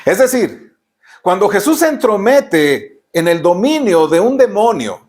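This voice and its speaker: High-voiced Mexican preacher, emphatic. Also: male voice, sing-song, unhurried, a little mellow. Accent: Mexican Spanish. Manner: emphatic preaching, frequent rhetorical questions to the congregation. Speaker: pastor. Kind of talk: sermon.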